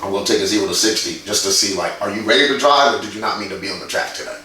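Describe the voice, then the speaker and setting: A man's voice: lowish voice, racing, pushed and bright, heavy reverb, far from the mic, a little hiss or hum, poor audio. Blunt, profane man in his forties. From Indiana, USA. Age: 40s. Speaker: guest, graffiti artist. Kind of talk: casual interview.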